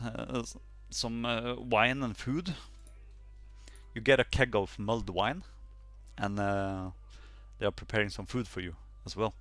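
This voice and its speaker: A man narrating a tabletop game as game master, halting with many fillers. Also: medium pitch, a bit bright, no room sound. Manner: hesitant, many fillers, laughs often.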